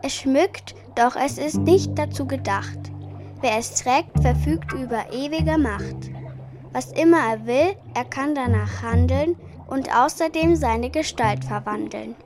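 A woman's voice: sits high, unhurried. A woman voicing a mysterious riddle in rhyme, chanted solemnly in a children's audio story. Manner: rhyming, chanting over music.

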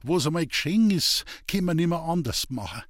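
A man's voice: fairly high pitch, lively intonation, fairly quick, no echo, clean studio sound, pitched above the performer's own voice. A man voicing a grieving old farm wife. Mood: comforting. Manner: gently comforting, pleading.

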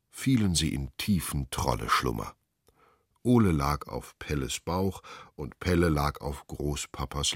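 Sehr tiefer Märchenerzähler. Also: male voice, very deep voice, slightly rough, dry recording, studio quality. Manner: expressive, lively storytelling. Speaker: narrator. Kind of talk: storybook narration.

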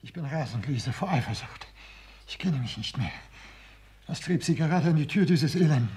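An actor playing a desperate young barber in a radio play, frantic with jealousy. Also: male voice, fairly high pitch, animated, normal speed, darkish tone, slightly rough. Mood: jealous, frantic.

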